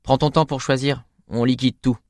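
A withdrawn teenage boy, as a male narrator puts him on answers flatly in a weak, monotone voice. He sounds detached and polite only out of habit, recorded close and dry. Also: mid-range voice, normal speed, no room sound, pitched above the performer's own voice, lightly acted.

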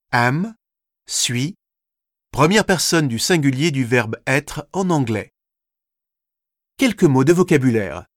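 A man slowly reading a scripted language course, with careful, deliberate articulation. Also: mid-range voice, no echo, clean studio sound. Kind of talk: scripted instructional narration.

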